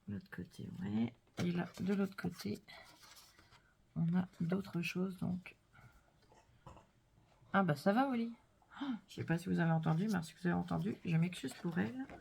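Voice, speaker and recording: A woman vlogger chatting casually and gushing softly as she unboxes crafts, sometimes dropping to a whisper. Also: lowish voice, animated, normal speed, gravelly, pauses often, slight background noise. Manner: gushing, soft-spoken, drops to whispers. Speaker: scrapbooking vlogger.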